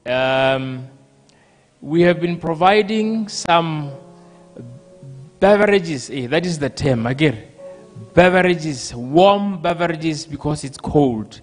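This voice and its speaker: A man's voice: fairly high pitch, expressive. A middle-aged man making church announcements in a hall, chatting with the audience and checking they follow him, speaking into a handheld microphone. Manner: slow, conversational, checks with the audience. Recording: hall reverb with faint music.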